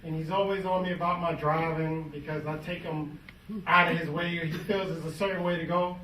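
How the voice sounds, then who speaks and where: A grandson speaks at his grandfather's funeral in a halting way, stopping and starting again. His voice is slightly higher than most men's. He is heard from far off in a roomy space, with clear background noise. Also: flat delivery, sharp tone. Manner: halting, with fillers and restarts. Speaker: grandson of the deceased. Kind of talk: funeral tribute speech.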